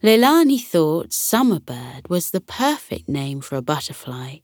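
A woman tells a bedtime story for children in a gentle, soothing way. She reads very slowly with a lively, expressive melody. Her voice sits a little low and sounds close and dry. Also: dry recording.

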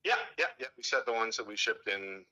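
A man with a very deep voice comes through a speakerphone line, yet his tone is bright and forceful. He talks in a relaxed, offhand way, full of fillers, like a staff member phoning in. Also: fairly quick, rough recording. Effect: heard over a speakerphone call. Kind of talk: casual phone chat.

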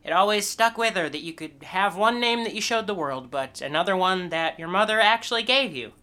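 A woman's voice: mid-range voice, animated, brisk, sharp tone. A woman playing an awkward young man in an improvised comedy scene, rambling wryly and in a dry, self-deprecating way. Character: awkward young man explaining his odd name.

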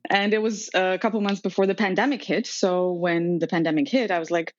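Speaking briskly in a fairly low, steady voice, a thirty-something Serbian woman chats through her story as a podcast guest, with plenty of ums and laughs. The dry, dull, lo-fi recording has no room sound.

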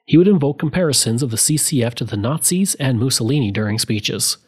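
A man's voice: mid-range voice, lively intonation, a little fast, breathy edge. A man reading a scripted history narration as a host.

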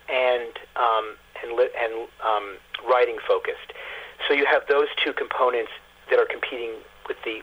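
This male guest's mid-range, slightly breathy voice comes through a muffled, narrow telephone connection. He answers the interviewer conversationally, repeating words often while he explains.

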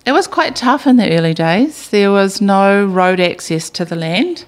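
A woman's voice: medium pitch, animated, a little slow. An older woman with a New Zealand accent, a business co-founder, reflecting on her upbringing and early years. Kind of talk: interview recollection.

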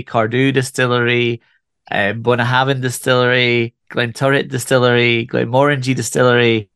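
A man in his forties from Scotland, with a faint Scottish accent, telling his story as an interview guest in a relaxed way with frequent restarts. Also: mid-range voice, creaky, clear, resonant tone, dry recording. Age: 40s. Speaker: whisky ambassador guest. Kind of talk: conversational interview.

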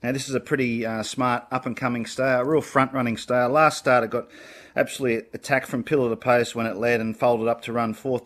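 An Australian man gives horse racing tips in casual panel chat. He sounds confident and opinionated, with a blokey, conversational delivery at an ordinary male pitch.

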